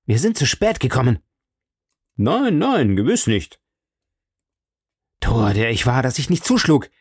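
A man reading an audiobook and voicing a sharp, commanding male detective, lifting his voice above his own and often dropping to a hushed whisper. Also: mid-range voice, wildly swooping pitch, a little slow, slightly rough, no room sound, clean studio sound, voice pushed up, full character voice. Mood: furious.

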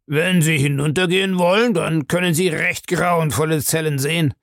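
Man putting on a sadistic old man, slow gloating delivery, raised pitch, gravelly, dry audiobook sound. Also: fairly even intonation, a bit bright, dry recording. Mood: showing off. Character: cruel gloating old man, castle owner. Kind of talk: audiobook character voice.

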